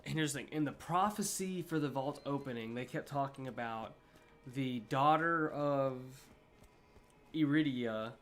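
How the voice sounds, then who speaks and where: A man's voice: mid-range voice, measured pace. Young man rambling through a game review. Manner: rambling, many fillers and restarts. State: hiccups. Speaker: gaming streamer. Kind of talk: casual rambling review chat.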